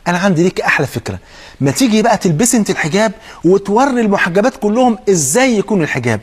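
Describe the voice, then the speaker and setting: A man with an Egyptian accent preaches at a rapid clip in a high voice. His tone is husky, and he speaks straight to the listener with pointed questions. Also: big pitch swings. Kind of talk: sermon.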